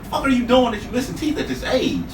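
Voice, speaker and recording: A man's voice: extremely high pitch, fast talker. 30s guy cohosting a podcast, cracking jokes, swings up and down a lot, roomy far-off mic. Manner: joking, animated, profane. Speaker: podcast co-host. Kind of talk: casual chat. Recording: echoey room from a distant mic, noisy.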